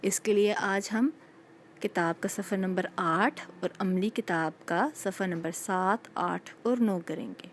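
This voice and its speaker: A woman teacher giving a patient recorded phonics lesson to young children, repeating each sound slowly and checking in with them often. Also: medium pitch, a little hiss or hum. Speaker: school teacher.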